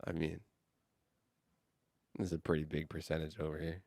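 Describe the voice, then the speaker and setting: A man co-hosting a podcast in casual chat, making dry, deadpan quips. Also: rumbling low, normal speed, no room sound. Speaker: podcast co-host.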